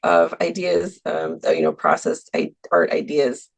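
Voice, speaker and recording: A woman's voice: sits low, big pitch swings, measured pace, gravelly, breathy edge. A woman guest on a podcast, talking casually about teaching art, hesitating with many ums and small laughs. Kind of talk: casual interview talk. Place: Milwaukee, US.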